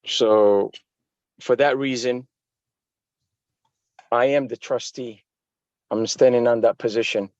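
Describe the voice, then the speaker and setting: A man's voice: mid-range voice, fairly even intonation, slow pace, long pauses, a little mellow, no echo. Male defendant, insistent, repetitive, stumbling; dull, dry lo-fi audio. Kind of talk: arguing in court.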